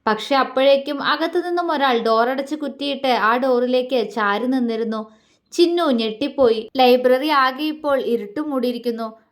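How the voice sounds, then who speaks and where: High-voiced woman narrating a story.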